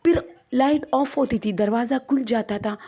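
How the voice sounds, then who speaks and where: A woman's voice: on the high side, dark tone. A woman, chattily retelling a first-person ghost story to her listeners as friends and acting out the quoted dialogue.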